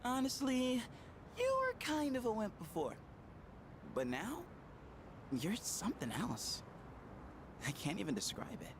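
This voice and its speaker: A man's voice: high-pitched, sing-song, unhurried, long pauses, background noise, full character voice. An actor playing a casual, self-deprecating teenage schoolboy in an anime game, with a slangy anime boy voice. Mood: sincere. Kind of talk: dubbed anime game dialogue.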